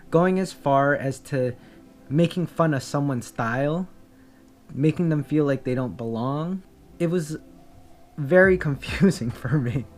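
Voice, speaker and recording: A young Filipino vlogger tells a candid personal story in a medium-pitched, darkish voice. He sounds reflective and earnest, with many fillers and restarts.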